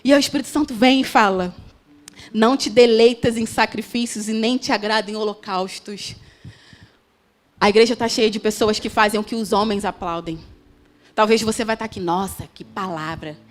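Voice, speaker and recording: A woman pastor with a Brazilian Portuguese accent preaching a sermon in church, moving between loud urgent appeals and quiet pleading. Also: on the high side, steady tone, brisk. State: headache from crying. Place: church sanctuary.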